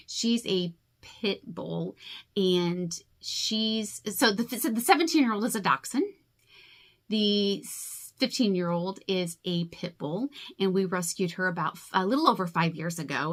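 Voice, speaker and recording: A woman's voice: mid-range voice, fairly bright tone. Chatty woman in her forties. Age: 40s. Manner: chatty, rambling, self-deprecating. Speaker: crafting vlogger. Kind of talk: casual talk to camera.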